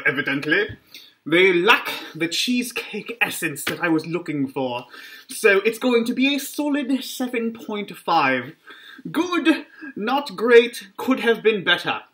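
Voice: mid-range voice, fairly bright tone. A snack reviewer talking through a costume mask, casually rambling with jokey, self-mocking asides while tasting a treat. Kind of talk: casual food review vlog. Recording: clear background noise.

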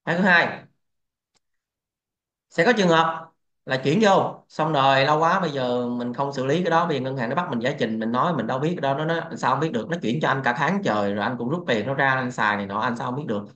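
A man's voice: mid-range voice, fast, fairly bright tone. A man hosting a crypto trading channel, lecturing bluntly and swearing freely in a casual livestream rant. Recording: echoey, dull lo-fi sound.

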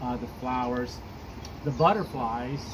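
With background noise around him, a vlogger in his fifties chats with someone outdoors in front of a street shop, laughing often and rambling through plenty of fillers. He speaks in a mid-range voice, a little slowly.

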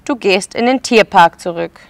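A woman's voice: mid-range voice, normal speed, vocal fry, dry recording, close to an everyday voice. Woman doing a bossy circus director. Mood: commanding. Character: gruff middle-aged male circus director.

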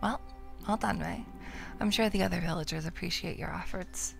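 A woman voicing a motherly female dragon from a farming game, measured and approving. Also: on the low side, vocal fry, faint music behind. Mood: calm, approving.

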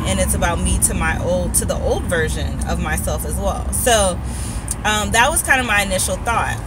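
Woman, 30s, casual car vlog to a dashboard camera; animated and chatty, heavy traffic noise. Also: mid-range voice. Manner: chatty, animated, lots of "like" fillers. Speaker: vlogger and weight-loss coach. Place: inside a car, daytime. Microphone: phone or camera on the dashboard. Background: loud road and traffic noise.

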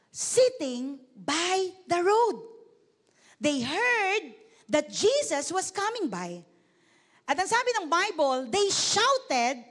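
A woman pastor from the Philippines preaching a lively sermon in church. She keeps calling out questions to the congregation, speaks politely, and switches between Tagalog and English. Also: very high-pitched. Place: church service.

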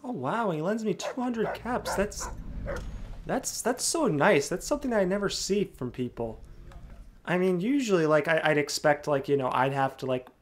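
A man's voice: sits high, animated, moderate pace. A man voicing a nervous, naive and eager young errand-runner, stammering and gushing as he role-plays through a video game. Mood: timid, pleased. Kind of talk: role-play gameplay commentary in character.

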